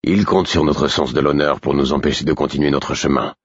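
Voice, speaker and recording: A man reading a first-person novel aloud, with steady, measured narration and voices for the characters. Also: extremely low pitch, husky, dry recording, highs cut off. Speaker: audiobook narrator.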